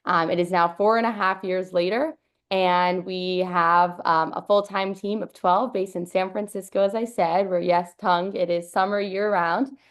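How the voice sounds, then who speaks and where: A woman's voice: on the low side, steady tone, a little slow. A young woman, founder and CEO of a company, giving an upbeat, fluent webinar presentation over a video call, with an occasional "um". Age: young adult.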